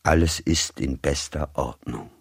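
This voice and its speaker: A man reading the part of a cold, formal agent who speaks in a measured, commanding way. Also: very deep voice, husky, no echo, clean studio sound, heavily acted. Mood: soothing. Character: cold, commanding middle-aged male agent of a rich employer.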